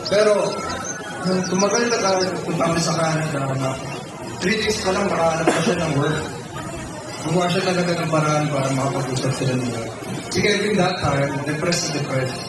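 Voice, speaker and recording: A Filipino man gives an informal wedding toast as best man, halting, joking and sentimental. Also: a little high, very noisy. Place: large echoey wedding reception venue. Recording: echoey hall, distant, music and crowd behind.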